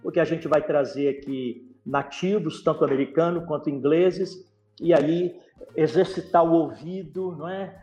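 A Brazilian man with a somewhat high voice gives an informal, explanatory talk as a podcast guest. The sound is very roomy, with faint music behind him. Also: fairly even intonation, normal speed, warm tone.

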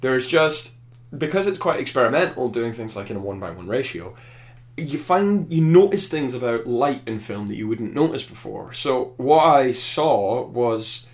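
Man reviewing a film in relaxed chat; thoughtful, meandering delivery. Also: medium pitch, moderate pace. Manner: thoughtful, rambling with restarts. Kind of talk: casual podcast chat.

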